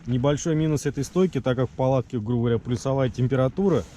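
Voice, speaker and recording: A man with a mid-range voice talks casually to his camera as a fishing vlogger. His speech is colloquial and grumbling, with mild slang curses. Clear outdoor noise and wind on the mic sit behind him. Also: mid-range voice, fast talker. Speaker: host of an ice-fishing vlog. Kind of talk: casual vlog chat to camera while fishing. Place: windy frozen outdoors, in and around a fishing tent.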